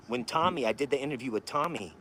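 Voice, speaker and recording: A man's voice: mid-range voice, background noise. A man hosting a live stream, ranting to his chat in a heated, emphatic way with a lot of swearing. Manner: talks straight to chat viewers. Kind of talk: casual live stream rant.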